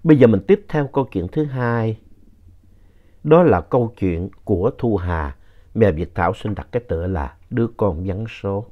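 A man narrating ghost stories sent in by listeners, telling them in an animated storytelling manner. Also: low voice. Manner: animated storyteller, voice rising in tense moments. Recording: dull lo-fi recording.

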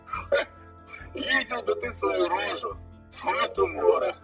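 A man's voice: sits high, takes it slowly, gravelly, music in the background, voice pushed up, heavily acted. A man voicing a cocky, mocking male police car AI with a metallic voice, in an audiobook. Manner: mocking, teasing. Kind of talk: audiobook character voice.

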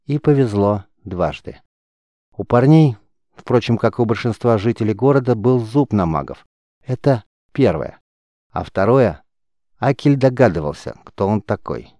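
A man narrating a fantasy audiobook in an even storytelling manner. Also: on the low side, dry recording. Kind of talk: scripted narration.

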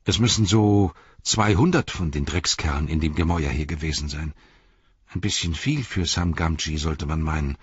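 A man's voice: rumbling low, moderate pace, husky, dry recording, pitched below the performer's own voice, heavily acted. A man reading an audiobook, voicing a loyal, plain-spoken male hobbit servant who talks earnestly and reassuringly, in a dull, dry recording.

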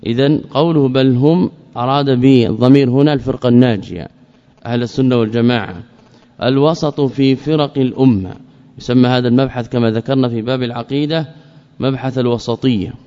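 A man teaching an Islamic creed text as a lesson, measured, often repeating key phrases and asking questions he then answers himself. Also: medium pitch, dark tone. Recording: dull lo-fi recording with long reverb.

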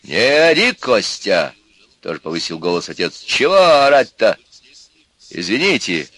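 A man's voice: fairly low pitch, very animated, normal speed, a bit bright. A man reading the part of a stern father who speaks firmly and raises his voice. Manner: stern, firm.

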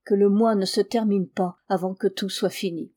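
An earnest, devoted young son, read aloud by a woman. He sounds calm and gentle, with a mellow, warm tone, as in a storybook. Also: medium pitch, normal speed, close to an everyday voice.

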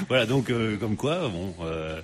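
A man's voice: lowish voice, animated, takes it slowly. A man hosting a casual radio interview, chatty, with frequent fillers and laughs. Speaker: radio host.

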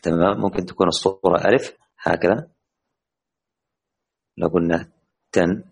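Man, very deep voice, tajweed teacher, online lesson for women, quizzes and praises students, drawn-out recited examples. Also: fairly even intonation, vocal fry, slightly rough. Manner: slows down and stretches words when reciting examples.

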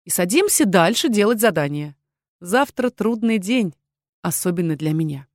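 A woman's voice: fairly low pitch, sing-song, moderate pace, a little mellow, no echo, clean studio sound. A woman reading an audiobook, voicing a nervous, prim young woman student who fires off anxious questions. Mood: resolute. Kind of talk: audiobook character voice.

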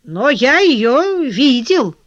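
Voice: medium pitch, sing-song, normal speed, a bit bright, no room sound. A narrator reading the lines of a sly, scheming male crook in an audiobook, with a secretive, insinuating manner. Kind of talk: audiobook character voice. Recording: dull dry lo-fi recording.

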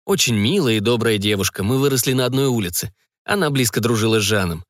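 A male narrator voicing a shy, earnest young man in an audiobook, speaking a touch higher than his own voice. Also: lively intonation, quick pace, no room sound, clean studio sound, lightly acted. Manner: hesitant and earnest. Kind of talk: audiobook reading.

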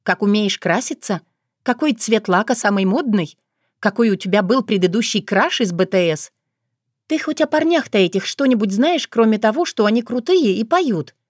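A woman's voice: medium pitch, expressive, normal speed, no room sound, clean studio sound, close to an everyday voice. A woman voicing a grown-up older sister in an audiobook, speaking in a teasing, blunt, lecturing way. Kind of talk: audiobook character voice.

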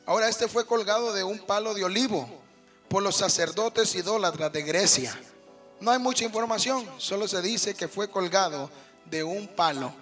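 A Mexican-accented male preacher tells his sermon like a story to a congregation, talking to them directly and calling them brother. His voice sits high for a man and rings bright, with faint music underneath. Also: moderate pace. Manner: folksy, conversational, keeps addressing listeners as brother.

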